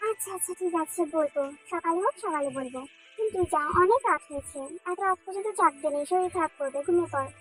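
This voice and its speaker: Woman as a teasing young man, elder cousin, high-pitched, for a dubbed fan drama. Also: quick pace, a bit bright, soft background music, poor audio. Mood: gentle.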